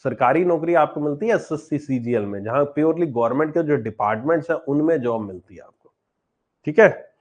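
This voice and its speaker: Man, live online exam class, chatty teacher answering chat questions, slightly high voice, muffled lo-fi audio. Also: lively intonation, fairly quick.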